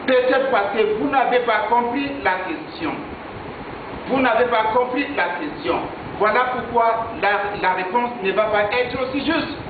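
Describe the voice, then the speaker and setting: A man's voice: extremely high pitch, lively intonation, a little slow, noisy background. A man teaching French in a classroom, repeating his answers and switching between French and English. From Nigeria. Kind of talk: classroom lesson. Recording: echoey room, far from mic, tinny lo-fi.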